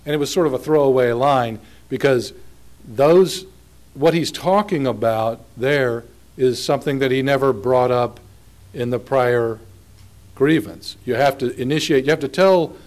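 A man, an attorney giving oral argument in a courtroom, speaking in a measured, halting way with frequent restarts. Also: mid-range voice, darkish tone. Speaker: appellate attorney.

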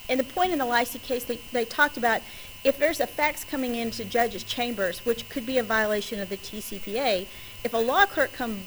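A woman lawyer with a West Texas twang argues a case to a judge, emphatically and deliberately stressing key words. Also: on the high side, a little hiss or hum, low-quality recording. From West Texas, United States. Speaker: lawyer arguing before a judge. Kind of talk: courtroom legal argument. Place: courtroom.

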